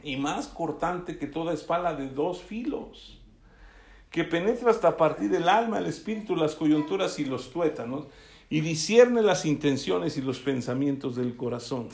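Guy giving a sermon, keeps asking the crowd "yes?", fairly high voice. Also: expressive, moderate pace, gravelly, darkish tone. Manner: asks the congregation "¿sí?" often. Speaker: preacher. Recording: echoey room.

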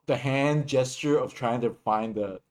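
A man's voice: medium pitch, measured pace, a little mellow. A male teacher chatting casually with his students, joking and self-deprecating. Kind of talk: casual chat.

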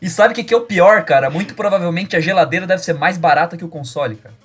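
A man's voice: high voice, fast, a bit bright, breathy edge. A man with a Brazilian accent chatting casually in a group, jokey and free with swear words.

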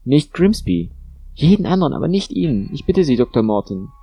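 A man's voice: very animated, normal speed, mellow, slightly rough. A man voicing a frightened, pleading woman patient in an audiobook, in a raised anxious voice. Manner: anxious, pleading, high-pitched. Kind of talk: audiobook narration.

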